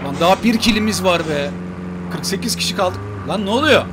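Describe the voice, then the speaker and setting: A man commenting on his mobile shooter gameplay for viewers, excitable and joking, trash-talking enemies. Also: sits high, brisk. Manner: excitable, swears playfully, talks to viewers and enemies. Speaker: gaming YouTuber. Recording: gunfire and game noise behind.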